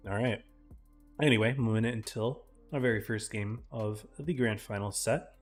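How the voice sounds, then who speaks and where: A man casting a live esports match in a casual, chatty way, his voice tiring and often clearing his throat. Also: fairly low pitch, moderate pace, faint music behind. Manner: casual, chatty, talks to chat viewers. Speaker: esports caster.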